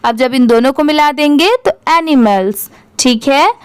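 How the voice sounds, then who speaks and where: A woman's voice: sits high, unhurried, no room sound. A woman teaching English reading, spelling words out letter by letter and then asking how each one is read. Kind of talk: slow spelling-out lesson.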